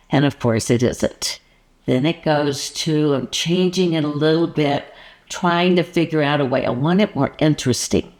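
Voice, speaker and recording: A woman's voice: low-pitched, a little mellow. A woman artist and art coach talking casually to her viewers, then narrating her painting process and joking about her own frustration. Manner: playful, asks the viewer questions.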